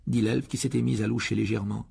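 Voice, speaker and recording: Gravelly man reading an audiobook. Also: fast talker. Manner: lively, voices Harry with rising pitch in dialogue. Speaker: audiobook narrator.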